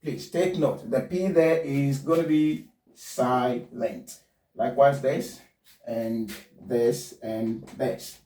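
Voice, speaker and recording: Slow-spoken male pronunciation teacher. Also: medium pitch, steady tone, dark tone. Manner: spells words letter by letter, repeats them slowly. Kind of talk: pronunciation lesson. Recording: roomy, distant mic.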